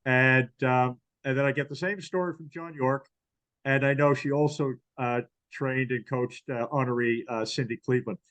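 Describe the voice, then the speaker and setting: A man hosting an interview as chairperson of a hall of fame, asking questions in a measured, hesitant way. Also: mid-range voice, steady tone, fairly bright tone. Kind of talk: interview over video call.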